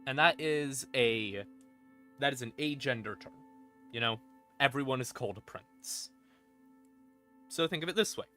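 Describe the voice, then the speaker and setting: Over ambient background music, a man with a mid-range, sharp-toned voice breaks down lore on a stream. His style is loose, off-the-cuff and irreverent, and he swears freely.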